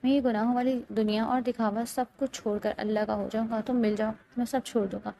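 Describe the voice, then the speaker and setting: A woman's voice: on the high side, little pitch movement, gravelly, mellow. A woman reading as Sameer, an earnest young cop. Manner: pleading, then blunt and firm. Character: young male police officer, earnest and torn.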